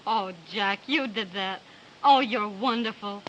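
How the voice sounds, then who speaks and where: A woman's voice: mid-range voice, a little slow, highs cut off, slight background noise. An actress playing a frightened, pleading young woman, with a breathless, theatrical delivery on an early talkie film soundtrack. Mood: anxious. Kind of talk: 1930s film acting.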